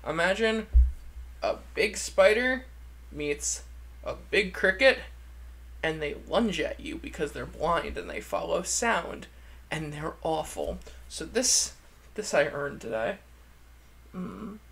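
Creaky, high-pitched campy drag queen. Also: big pitch swings, slow pace, long pauses, a bit bright. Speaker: drag queen product reviewer. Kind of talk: casual chatty video review. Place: indoor room, seated at a desk.

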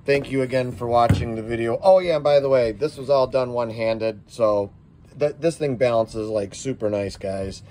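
The middle-aged shop owner from the United States speaks at a moderate pace in a medium-pitched, darkish voice, with slight background noise. He's casually demoing airguns on his vlog, rambling about the results of each shot.

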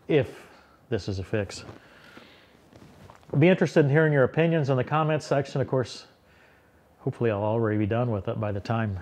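In a tractor repair video recorded close up in an indoor workshop beside a tractor, a middle-aged host explains a fix to the camera. His mid-range voice is a little mellow, and he talks casually, thinking aloud and frequently restarting.

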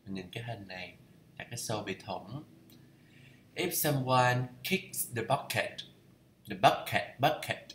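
A Vietnamese man talking through English idioms in a casual study vlog. He thinks aloud and reads English phrases slowly to check how they are pronounced. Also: mid-range voice, lively intonation, a bit bright, reverberant, slight background noise. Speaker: learner reading a course aloud.

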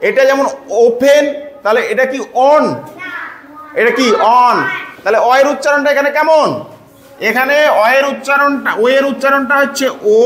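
A man teaching a phonics lesson to pupils, patiently repeating sounds slowly and quizzing them. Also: very high-pitched, a bit bright. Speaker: English teacher. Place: echoey classroom with pupils. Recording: echoey room, faint background noise.

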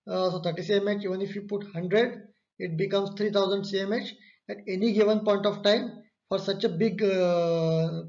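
Teaching from slides in an online course lecture, this high-voiced man has a darkish tone and explains each point, often repeating key phrases to drive them home. The setting is an indoor room with a webcam overlay on the slides, captured in a slightly dull, lo-fi recording.

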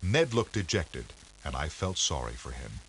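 A man giving measured, scripted storybook narration for an educational game. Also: very deep voice, big pitch swings, fairly bright tone, a little hiss or hum, full character voice.

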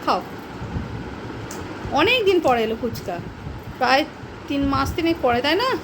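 Woman, very high voice, bouncy sing-song pitch, baby talk to a dog, noisy home recording. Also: sing-song, measured pace. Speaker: dog owner filming her pet. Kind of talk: casual home video, coaxing a dog.

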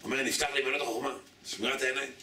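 A man's voice: mid-range voice, fairly even intonation, bright, forceful tone, distant mic. A man giving an emphatic sermon as a rabbi, telling stories and acting out their characters while he repeats appeals to his listeners. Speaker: rabbi giving a Torah lesson. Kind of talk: sermon with storytelling. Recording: echoey hall, speaker away from mic, faint hiss.

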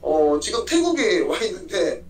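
A young man giving polite, halting interview answers, often repeating his own phrases, over a phone in a big indoor space. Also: sits high, huge pitch swings. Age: young adult. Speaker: MMA fighter being interviewed. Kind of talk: casual remote interview answers. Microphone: phone at arm's length, video call. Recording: echoey room, far-off mic, faint noise.

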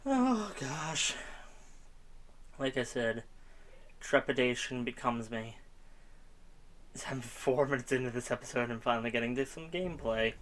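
A man's voice: mid-range voice, a bit bright. Young man, gaming commentary, rambling, self-mocking, casual chat. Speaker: gaming YouTuber. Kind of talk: casual let's-play commentary.

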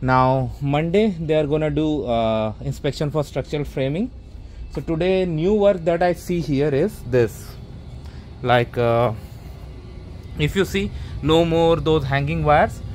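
A man's voice: on the high side, unhurried, a little mellow, slight background noise. A man casually narrating a walkthrough of his basement renovation, rambling with many fillers and restarts, filmed on a handheld camera. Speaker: homeowner vlogger. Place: unfinished basement, later outdoors in a stairwell. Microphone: handheld or body camera, first-person view.

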